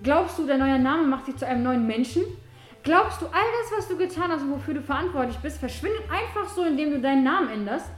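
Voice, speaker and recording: Actress as a vengeful young woman, high and biting, radio-drama style, music under. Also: a little fast, hardly any pauses, lightly acted. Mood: furious. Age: young adult. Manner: cold, accusing, cutting. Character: young woman, bitter and vengeful toward an old friend. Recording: echoey room with music behind.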